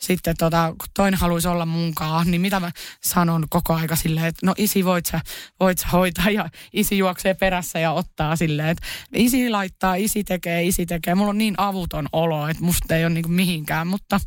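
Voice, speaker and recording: A woman's voice: fairly low pitch, steady tone, no echo, studio quality. A woman podcast co-host in casual chat, talking with lots of fillers and self-mocking humor. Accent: Finnish.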